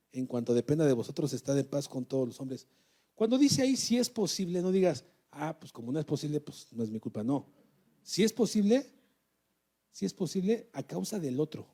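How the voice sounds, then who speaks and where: A man's voice: on the high side, mellow. A man preaching a sermon to a church, exhorting and asking the congregation questions. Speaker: pastor.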